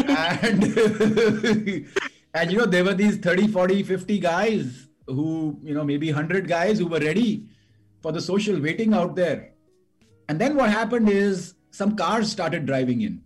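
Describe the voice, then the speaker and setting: A man's voice: high-pitched, animated, moderate pace, faint music behind, poor audio. A middle-aged man from India with a north Indian accent, reminiscing casually as an interview guest, hesitant and repeating words, slipping Hindi into his English.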